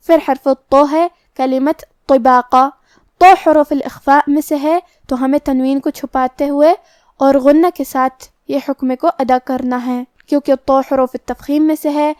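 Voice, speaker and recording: High-pitched female tajweed teacher, dry studio sound, patient and methodical. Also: a little mellow, dry recording. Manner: methodical, drawn-out chanted recitation of words. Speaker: Quran recitation teacher. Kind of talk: explaining tajweed rules with slow demonstrations.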